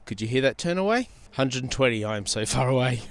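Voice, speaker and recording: He talks fast and animatedly in a mid-range voice, reviewing a product on camera in an informal, repetitive style. A handheld wireless interview microphone picks him up.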